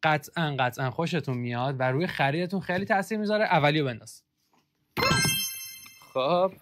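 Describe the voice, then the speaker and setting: A young man hosting a casual football kit review, joking and sarcastic as he reads out comments. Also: on the high side.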